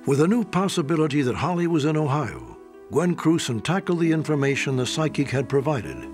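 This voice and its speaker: A man's voice: fairly high pitch, big pitch swings, fairly quick, faint music behind. A man narrating a documentary in a grave, dramatic manner.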